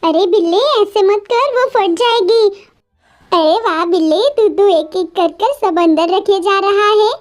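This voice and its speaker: A narrator giving an excited play-by-play of a cartoon, exclaiming in surprise and talking to the characters on screen. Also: very high-pitched, unhurried.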